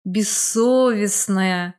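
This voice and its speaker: A woman's voice: a little high, normal speed, close to an everyday voice. A woman reading the part of a confident, playful young man in an audiobook, speaking with joking bossiness. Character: young man, cheerful, confident, teasing old friend. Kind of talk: audiobook character voice.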